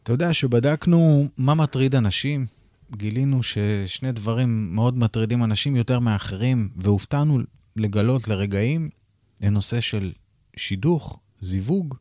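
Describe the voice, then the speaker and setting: A man's voice: mid-range voice, darkish tone, dry recording. A man hosting a podcast in a studio, leading the talk in a conversational, reflective way. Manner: conversational, reflective, open about himself. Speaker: podcast host. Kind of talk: casual interview chat.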